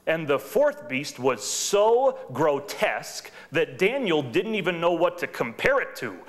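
A man preaching a sermon as pastor, slowing down and pausing for emphasis. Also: on the high side, big pitch swings. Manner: dramatic pauses, slows down for emphasis.

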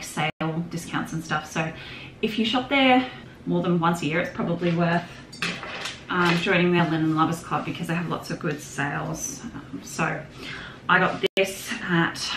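This young vlogger, with a lowish voice and a moderate pace, rambles chattily through a casual shopping haul, laughing a lot and frequently starting over. She's at a desk in a home craft room, recorded by a camera set slightly back. Echo and background noise fill the space.

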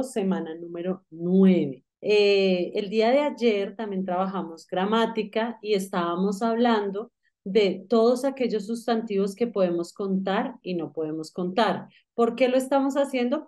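A woman's voice: medium pitch, mellow. A woman teaching an English grammar lesson, explaining patiently and asking the student questions as she goes. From Colombia.

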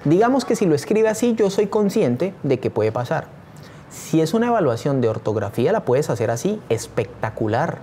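A man's voice: a little high, big pitch swings, moderate pace, dark tone. A man teaching a screen-share tutorial, talking eagerly and straight to his viewers. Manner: enthusiastic, addresses viewers directly.

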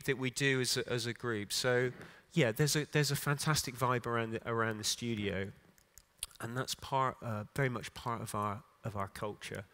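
Halting middle-aged man giving a keynote. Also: medium pitch, bright, forceful tone. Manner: unscripted, halting, many restarts and fillers. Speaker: conference keynote speaker. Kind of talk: conference keynote talk. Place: conference stage in a large hall.

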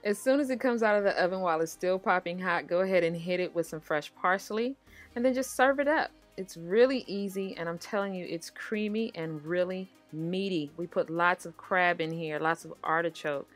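Speaking at a normal pace in a fairly low pitch, the woman hosts an American cooking show. She talks through the recipe informally and directly to viewers, as if chatting, while music runs in the background.

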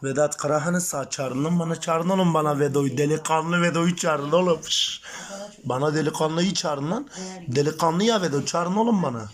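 A man's voice: on the high side, normal speed. A man in a heated live-stream confrontation, belligerent and profane, repeating his threats over and over. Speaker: livestreamer. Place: Antalya.

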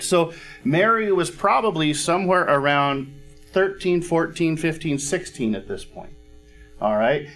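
A middle-aged male pastor preaches slowly and deliberately, in a slightly raised voice. He talks conversationally, often pausing to ask if everyone is following, and clears his throat now and then. Faint instrumental music plays softly behind him. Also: a little high. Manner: conversational teaching, frequent "all right?" check-ins. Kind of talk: sermon. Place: church stage with a cozy fireplace set.

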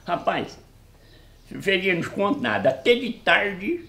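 High-voiced man from telling stories, really animated, echoey room. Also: a little slow. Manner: animated, acts out dialogue, laughs often. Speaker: storyteller guest. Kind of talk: casual anecdote telling.

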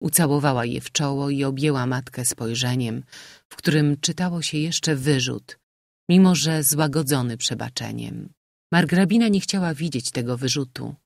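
Guy reading a classic novel audiobook, measured and expressive, dry close sound. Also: medium pitch, gravelly, no echo. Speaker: audiobook narrator. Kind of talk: scripted novel narration.

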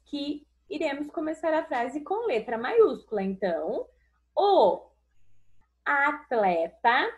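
A woman's voice: fairly high pitch, a little mellow. Sing-song Brazilian woman teacher. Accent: Brazilian Portuguese. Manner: slow, sing-song, stretches syllables and calls pupils "amores". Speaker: primary school teacher. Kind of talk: recorded remote lesson for young children. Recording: dull lo-fi recording.

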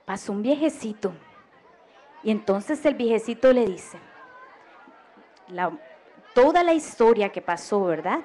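A woman's voice: medium pitch, expressive, a little slow, long pauses, dark tone, some chatter behind. A woman with a Costa Rican accent telling a folk tale to children, often stopping to ask them questions and invite them to join in. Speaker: storyteller. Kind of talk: oral storytelling for children. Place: radio program.

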